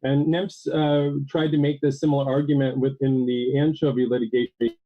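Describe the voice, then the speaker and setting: A man's voice: medium pitch, flat delivery, normal speed, phone-quality sound. A man giving a formal policy presentation to a council over a remote call, earnest and full of "uh", while his audio keeps cutting out. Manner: earnest, with frequent "uh" and repeated words. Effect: audio cutting out on a bad connection.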